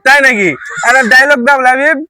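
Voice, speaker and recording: An adult host running a children's game, coaxing and cheering the kids on with quick repeated encouragement. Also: high voice, steady tone, pushed and bright, smooth, no echo. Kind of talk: running a live kids' game. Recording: noisy crowd of children around.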